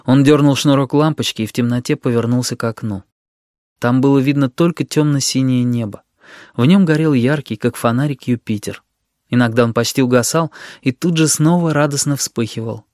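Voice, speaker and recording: Male audiobook narrator, gentle even storytelling, dry close recording. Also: medium pitch, a little fast, dry recording.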